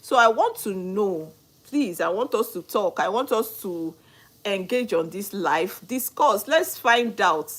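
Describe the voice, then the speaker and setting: Here a Nigerian-accented young woman from Nigeria talks a little slowly in an animated, mid-range voice. As host of a live stream about legal matters, she works through comments from viewers, greets them by name, and raises earnest rhetorical questions.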